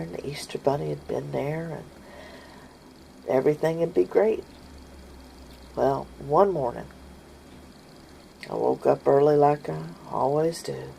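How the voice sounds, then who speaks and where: A woman's voice: extremely low pitch, creaky, dark tone, slight background noise. A woman telling a funny family story in a casual, folksy way, often laughing as she goes.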